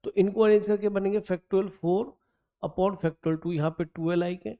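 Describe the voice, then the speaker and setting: A maths teacher talks through an exam problem on the board step by step, coaxing his students, calling them beta, and thinking aloud as he counts, in mixed speech. His voice is high, steady, warm and a little slow, with the highs cut off.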